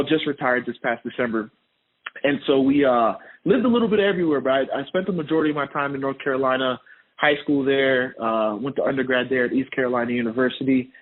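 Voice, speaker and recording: Laid-back man telling stories on a tinny line. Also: medium pitch. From Honduras. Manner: relaxed storytelling, laughs often. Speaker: podcast guest. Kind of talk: casual interview chat.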